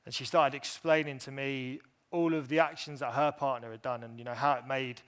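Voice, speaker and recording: A man telling his personal story to a conference audience, candid and halting, with many fillers and restarts. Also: medium pitch, fairly even intonation, a bit bright, clean tone. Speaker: speaker at an industry event.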